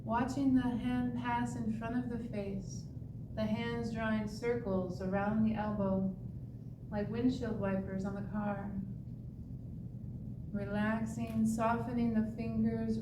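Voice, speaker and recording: A woman tai chi instructor giving serene, meditative movement and breathing cues with long pauses. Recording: echoey, distant mic with clear rumbling noise.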